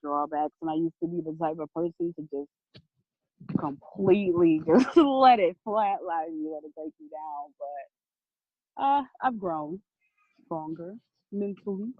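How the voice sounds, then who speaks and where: A woman's voice: on the low side, lively intonation, takes it slowly, dry recording. A woman guest chatting casually about her podcast, laughing often and swearing freely. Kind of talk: casual interview chat. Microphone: video or phone call. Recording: tinny phone-like line.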